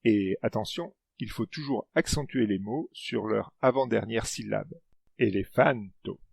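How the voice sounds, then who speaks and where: A man's voice: on the low side, measured pace, creaky, a little mellow, breathy edge. A man presenting a language lesson in scripted narration, explaining and stressing his example words.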